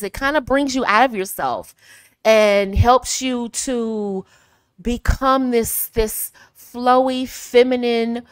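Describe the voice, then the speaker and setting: A woman from the United States giving casual, direct advice to women, often calling them ladies and swinging her pitch to demonstrate. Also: clear, resonant tone, no room sound. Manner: chatty, direct, frequently addresses listeners as ladies. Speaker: femininity coach.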